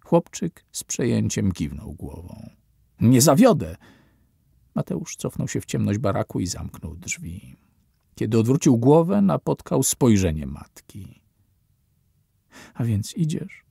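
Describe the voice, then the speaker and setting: A man narrating an audiobook in a slow, measured reading. His voice is low, dark and gravelly, with a husky edge. The sound is close and dry. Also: big pitch swings, no echo. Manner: slow, measured reading with falling, quiet endings. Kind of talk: scripted narration.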